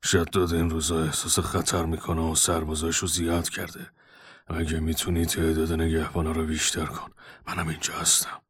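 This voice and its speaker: Man doing a grave hero, very deep voice, husky, storybook. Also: completely flat delivery, dry recording. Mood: urgent. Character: grave male hero, urgent.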